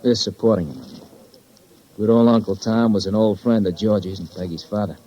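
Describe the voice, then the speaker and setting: An actor, lightly acted and speaking at a moderate pace in a dark voice on the low side, portrays a bitter, sardonic young man, a failed lawyer and tough talker suspected of murder. He uses an American accent and clipped, slangy, sarcastic wisecracks, 1950s radio crime drama style, heard through a muffled vintage 1950s radio recording.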